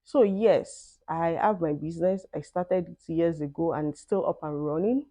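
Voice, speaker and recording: A young Nigerian woman with a Nigerian accent casually reads questions aloud and answers them on her vlog, thoughtful and conversational, often slipping in "I mean." Her fairly low voice is mellow and moderately paced, recorded dry.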